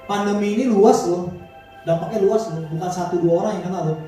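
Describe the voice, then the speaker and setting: A man's voice: sits high, a little fast, warm tone. A male pastor preaching a sermon in casual slang, building to fervent appeals. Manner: colloquial Jakarta-style slang, rising to fervent exhortation. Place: large church hall. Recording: echoey hall from far off, music behind.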